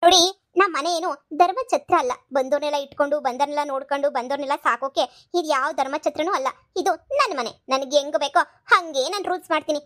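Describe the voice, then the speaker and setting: A woman voicing a shrill, scolding mother-in-law. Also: fairly even intonation, fast, fairly bright tone. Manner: scolding, taunting. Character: scheming, sharp-tongued middle-aged mother-in-law. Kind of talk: cartoon comedy voice acting.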